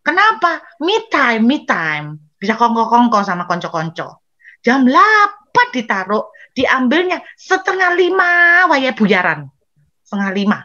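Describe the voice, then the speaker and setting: A woman's voice: fairly high pitch, huge pitch swings, unhurried, sharp tone. A woman preacher with an East Javanese accent, telling a story in a sermon, often addressing the congregation and acting out scenes with Javanese words mixed in. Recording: dull lo-fi recording.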